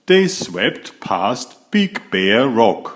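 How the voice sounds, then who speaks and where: A man of medium pitch reads a children's picture book aloud, telling the story deliberately and expressively.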